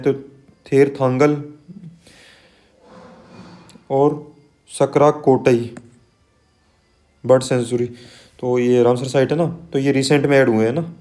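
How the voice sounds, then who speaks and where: A man teaching an exam-prep lesson in a conversational way, often adding "है ना" and reading lists of names slowly one at a time. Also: mid-range voice, fairly even intonation, mellow. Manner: conversational, frequent "है ना" and "ठीक है" tags.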